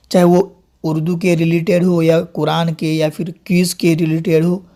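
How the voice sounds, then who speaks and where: A man hosting his channel, teaching an online Urdu reading lesson. He explains patiently, using religious greetings and phrases, and reads syllables and short drill sentences slowly and deliberately. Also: high voice, darkish tone, a little hiss or hum.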